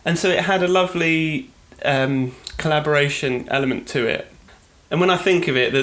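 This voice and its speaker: A man's voice: mid-range voice, fairly bright tone. A man from Britain co-hosting a podcast, talking in a rambling, chatty way and often correcting himself mid-sentence. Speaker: podcast co-host. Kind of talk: casual podcast monologue.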